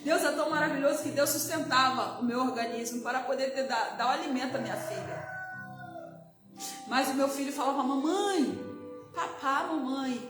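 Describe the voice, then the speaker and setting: A woman's voice: high voice, fairly even intonation, a little fast. A middle-aged woman missionary with a Brazilian Portuguese accent gives an emotional testimony sermon, often breaking in with hallelujahs. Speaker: missionary preacher. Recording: roomy with music behind.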